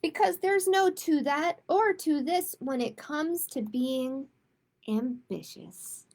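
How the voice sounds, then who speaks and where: With a voice that sits high and a slow pace, a woman hosts a children's storytime. She alternates between reading a picture book aloud and chatting casually, emphasizing her words expressively.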